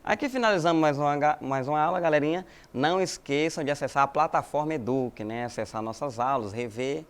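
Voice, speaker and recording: Higher-voiced Brazilian man teaching. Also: quick pace, smooth. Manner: explanatory, addresses students as galerinha, frequent né tags. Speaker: Spanish teacher. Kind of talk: recorded video lesson.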